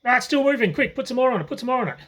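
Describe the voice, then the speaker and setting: An Australian man voicing his excitable old prankster grandfather, who barks urgent orders. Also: a little high, moderate pace, a little hiss or hum, close to an everyday voice.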